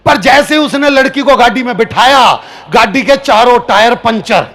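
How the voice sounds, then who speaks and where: A man with a very high voice performs a comic story on stage at a poetry gathering. He tells it with animated energy, jumping between characters as he goes. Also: moderate pace, gravelly. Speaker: comic poet.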